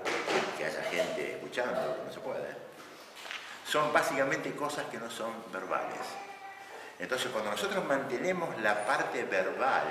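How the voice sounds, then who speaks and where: A man giving a lively lecture on couples' communication, acting out shouted examples. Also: mid-range voice. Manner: animated, acts out shouting examples, laughs often. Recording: echoey hall, mic at a distance, audible noise.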